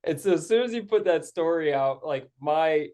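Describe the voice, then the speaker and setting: A man from Virginia hosting a podcast, asking relaxed follow-up questions in casual interview chat. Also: fairly high pitch, normal speed. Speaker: podcast host.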